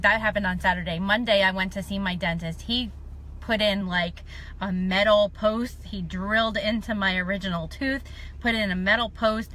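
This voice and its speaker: With a medium pitch and sharp tone, this middle-aged live streamer talks in a relaxed, self-mocking way. She has a slight lisp caused by a dental appliance.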